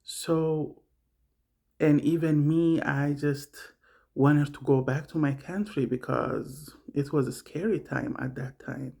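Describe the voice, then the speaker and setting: A man's voice: a little high, fairly even intonation, slow, vocal fry, warm tone. A middle-aged man from Somalia talking casually about his own experience, rambling and repeating himself as he searches for words. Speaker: vlogger sharing personal experience. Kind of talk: casual personal monologue.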